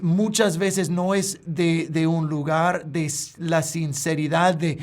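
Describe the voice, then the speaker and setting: A man, a pastor, preaching a sermon in an earnest, halting way with frequent restarts. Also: sits high.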